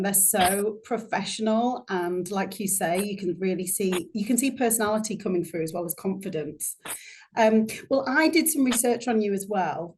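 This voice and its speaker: A woman's voice: medium pitch, a little mellow, a little hiss or hum. A woman hosting a podcast interview, chatty and effusive, introducing her guest with many restarts. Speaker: podcast host.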